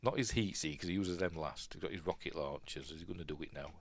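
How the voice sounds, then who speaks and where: A Yorkshire man hosts a casual film commentary, rambling and musing aloud, often second-guessing himself and trailing off quietly. His voice is extremely low with vocal fry, and he talks fast.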